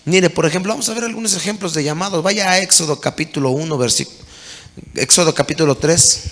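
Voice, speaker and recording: A man's voice: a little high, brisk, fairly bright tone. A man preaching a sermon as pastor, calling out to the congregation with mounting intensity. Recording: long hall reverb.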